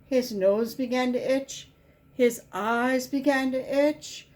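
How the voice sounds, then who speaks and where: A woman's high-pitched, slightly mellow voice carries a children's picture book read-aloud by a volunteer. She keeps the storytelling simple and deliberate, emphasizing key words.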